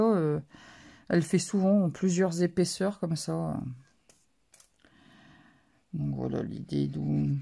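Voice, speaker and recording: Slow, gravelly-voiced woman. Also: fairly low pitch, dark tone. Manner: unhurried, narrates each step with frequent "hop" and hesitant fillers. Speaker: craft channel host. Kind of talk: card-making tutorial narration.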